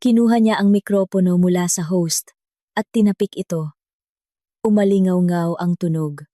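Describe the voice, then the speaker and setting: A woman narrating a drama story in a slow, even storytelling manner. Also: lowish voice, dry recording, studio quality. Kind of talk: scripted narration.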